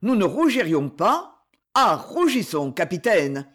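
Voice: mid-range voice, big pitch swings, slow pace. A reader voicing a pompous old male sea captain who gives a rousing, declamatory speech in an audiobook. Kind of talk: audiobook reading.

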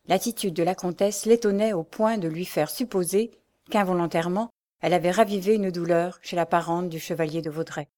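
A woman narrating a classic novel as an audiobook, with a steady, expressive storytelling manner. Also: fairly low pitch, a little fast.

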